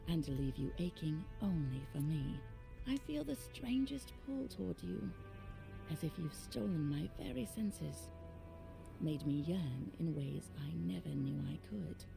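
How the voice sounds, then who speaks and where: A woman's voice: deep voice, expressive, measured pace, gravelly, exaggerated voice. A woman playing a possessive, hungry female sea creature who seduces mortals in a sultry, tempting game performance. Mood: sultry yearning. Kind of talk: video game voice acting. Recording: music playing behind.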